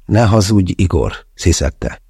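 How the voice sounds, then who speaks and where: A man's voice: low-pitched, sing-song, gravelly, warm tone, husky, no echo, studio quality, full character voice. A man voicing an angry, worried young woman who hisses accusations, in an audiobook. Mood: accusing. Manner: accusing, hissing. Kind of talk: audiobook character voice.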